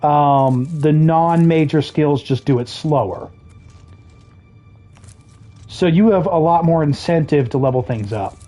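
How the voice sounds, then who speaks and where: Let's-play streamer, warm mellow tone, chatty and explanatory, dry humor, slight throat trouble, faint game music under. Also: medium pitch, unhurried, pauses often. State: throat trouble, occasional coughing. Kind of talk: casual gameplay commentary.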